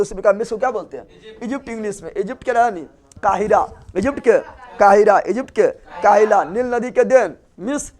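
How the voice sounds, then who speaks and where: A man's voice: sits high, darkish tone. A middle-aged man teaching a general-knowledge revision class, asking questions and chanting the answers over and over. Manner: asks and repeats answers in chants. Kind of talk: call-and-response revision lesson.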